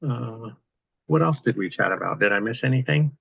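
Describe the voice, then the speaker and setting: A man's voice: medium pitch, animated, moderate pace, vocal fry, slightly rough, no room sound, muffled recording. A man hosting a casual video-call chat among property investors, explaining things in a practical, easygoing way. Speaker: real estate investor host.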